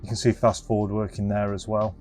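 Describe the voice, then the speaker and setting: A man with a fairly low, darkish voice presents and resells restored retro electronics, giving a casual hands-on demonstration. His delivery is flat and brisk, and some music can be heard alongside him. He explains informally, thinking aloud through each step.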